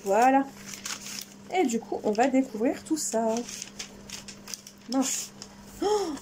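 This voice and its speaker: A woman's voice: fairly high pitch, takes it slowly, warm tone, slight background noise. A woman chatting casually and enthusiastically while unboxing craft supplies in her vlog. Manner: enthusiastic, chatty, exclaims often. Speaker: crafting vlogger.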